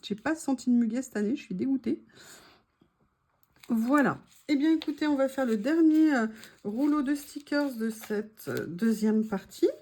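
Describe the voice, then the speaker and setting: A woman chatting casually to her viewers while unboxing craft supplies, gushing softly and adding small asides. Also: high-pitched, expressive, moderate pace. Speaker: craft vlogger.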